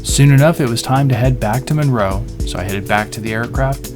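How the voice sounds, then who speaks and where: Speaking fairly quickly in a mid-range voice, a middle-aged man plays a pilot narrating an airport review from a script. Background music runs beneath his voice-over.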